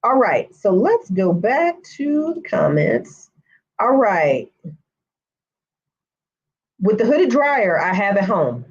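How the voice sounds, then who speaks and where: Woman hair stylist, casual live Q&A host, friendly and chatty, mid-pitch, muffled stream audio. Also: very animated, takes it slowly, long pauses, breathy edge. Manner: chatty, addresses viewers by name, says y'all. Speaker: hair stylist teaching a live online course. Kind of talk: live-stream Q&A answering comments.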